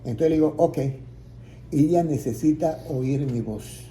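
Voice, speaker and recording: A man's voice: fairly high pitch, a little slow, dark tone, a little hiss or hum. A man preaching a testimony, telling his story and acting out the voices in it, building to emphatic peaks. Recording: roomy echo, faint ambience.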